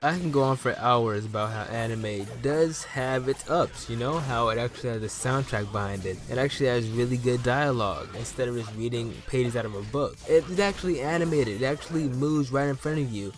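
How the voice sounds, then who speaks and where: A young man hosting an anime vlog, talking in an animated, joking, playful way to his viewers. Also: mid-range voice, a little fast, few pauses, over music. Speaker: anime YouTuber host. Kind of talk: casual vlog commentary.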